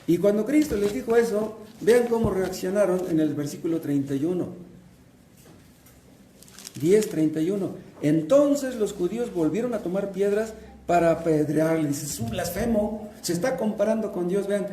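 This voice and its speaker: A man's voice: high voice, normal speed, dark tone, roomy sound, slight background noise. A man, a pastor with a Mexican Spanish accent, preaching a sermon and asking and answering his own questions.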